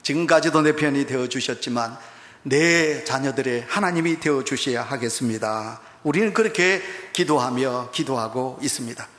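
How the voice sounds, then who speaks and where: A man's voice: mid-range voice, normal speed, fairly bright tone. A male pastor with a Gyeongsang Korean accent, preaching an emphatic, fervent sermon. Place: church sanctuary. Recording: echoey church hall.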